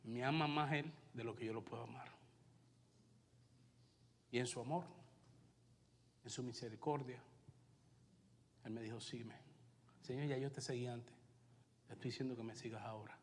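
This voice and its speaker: A male pastor with a Puerto Rican Spanish accent preaching a sermon and telling his own story, alternating loud emphasis with hushed asides. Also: mid-range voice, steady tone, normal speed, long pauses, big-room sound, a little hiss or hum. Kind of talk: sermon with personal testimony. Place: church sanctuary.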